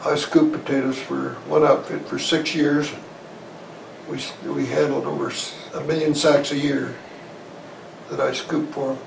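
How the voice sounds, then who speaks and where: An octogenarian Korean War veteran, interviewed in an armchair in a small living room, tells his life story in a halting, folksy, plain-spoken way. His voice is a little high and creaky, with a flat delivery. The lavalier clipped to his shirt captures roomy, distant audio with faint noise.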